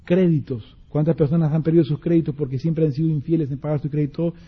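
A fairly high-voiced man preaching a sermon, his tone husky and slightly breathy. He slows down to read scripture aloud, and the recording sounds muffled and lo-fi. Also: fairly even intonation.

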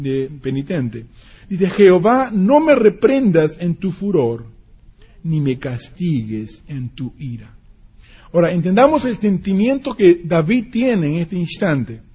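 A man preaching a sermon with a high, husky voice, swinging between loud declarations and hushed, confiding stretches. He acts out little scenes of parents and children as he goes. The sound is muffled, like an old radio broadcast. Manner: animated, acts out parents and children in quick asides.

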